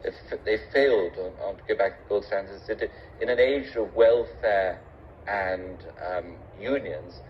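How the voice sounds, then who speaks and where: Low-voiced man in a formal discussion, dull recording. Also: normal speed. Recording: dull, noisy recording with room ambience.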